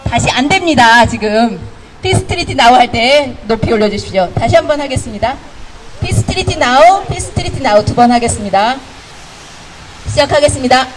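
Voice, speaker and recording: A woman emceeing a street protest outdoors, leading chants and explaining each slogan between the shouts. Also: a little high, lively intonation, background noise. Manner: shouts slogans, then gives brisk instructions. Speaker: rally emcee.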